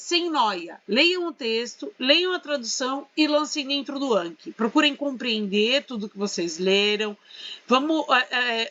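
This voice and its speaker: A Brazilian woman with a Brazilian Portuguese accent teaches English through a casual screen-share walkthrough, her voice on the high side, bright and forceful. She's chatty and keeps checking in with her students using tag questions. The recording sounds muffled.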